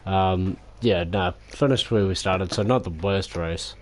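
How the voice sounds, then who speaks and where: A man wrapping up a racing stream, tired and sore, self-critical and halting with lots of fillers. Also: deep voice. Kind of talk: casual post-race wrap-up.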